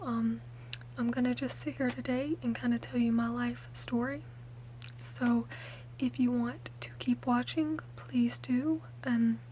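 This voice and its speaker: A late-teen girl from Mississippi, USA, makes ASMR videos, and here she rambles through personal stories in a soft, hushed, often whispered voice. Her pitch is fairly high and her delivery pretty flat. Some background noise is audible.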